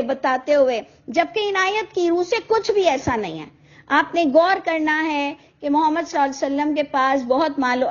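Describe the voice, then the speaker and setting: A middle-aged woman giving an impassioned Quran lesson, scolding and asking rhetorical questions. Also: sits high. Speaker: Quran teacher. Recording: dull lo-fi recording.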